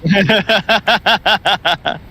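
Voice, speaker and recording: A man's voice: sits high, drawn-out words, sharp tone, breathy edge. A man playing a game with a friend, answering in short, dry remarks during casual chat. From United States. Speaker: co-op gaming partner.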